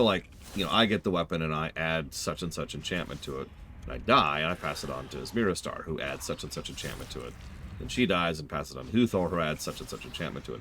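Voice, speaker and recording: A man's voice: very deep voice, fairly bright tone. A man giving casual commentary as he streams a game, with grumbling, matter-of-fact asides. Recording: clear background noise.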